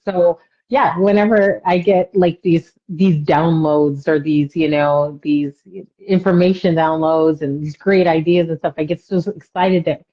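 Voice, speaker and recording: A woman with a lowish voice rambles through a relaxed conversation, filling her talk with "you know" asides. The sound is muffled and lo-fi, like a webcam mic on a video call. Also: unhurried, hardly any pauses. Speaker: podcast co-host. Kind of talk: casual chat. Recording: dull lo-fi sound.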